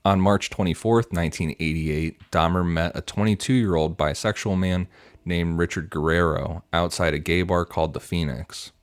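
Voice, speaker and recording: Deep-voiced man reading case notes. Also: normal speed, clean tone, dry recording. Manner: steady, matter-of-fact reading. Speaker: podcast co-host and researcher. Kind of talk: reading prepared notes in a casual podcast.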